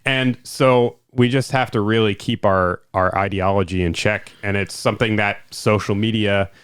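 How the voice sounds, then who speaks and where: A man, co-hosting a podcast and talking in a calm, reflective, agreeable way. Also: lowish voice, moderate pace, smooth, no room sound. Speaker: podcast co-host. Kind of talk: casual political talk.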